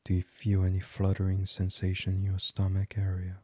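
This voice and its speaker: A man's voice: sits low, completely flat delivery, slightly rough, dry recording. A man leading a guided meditation in a soothing voice that often drops to a whisper. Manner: slow, soft and soothing, drifting into whispers.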